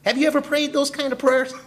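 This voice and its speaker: In a hall with long, lingering reverb, a male pastor from Milwaukee shares his own testimony in a sermon, asking listeners questions and addressing them by name. He speaks fairly quickly in a very high, fairly bright voice, yet his delivery stays flat.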